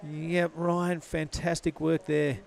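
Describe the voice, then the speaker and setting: A man's voice: fairly high pitch, flat delivery, takes it slowly, creaky, darkish tone, slight background noise. A man giving live surf contest commentary in a laid-back, casual surfer announcer manner.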